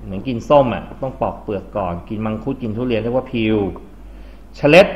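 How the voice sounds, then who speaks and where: A man's voice: on the low side, fast talker, darkish tone, lo-fi sound. A man from Thailand teaching English vocabulary to a class, explaining words and quizzing the students. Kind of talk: classroom lesson.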